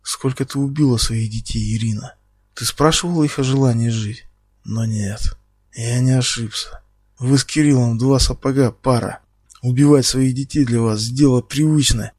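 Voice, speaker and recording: A man voicing a menacing male captor who speaks slowly and quietly, taunting his victim. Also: mid-range voice, steady tone, slightly rough, no echo, clean studio sound, close to an everyday voice. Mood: quiet menace. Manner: slow, quiet, taunting, bursts into shouting.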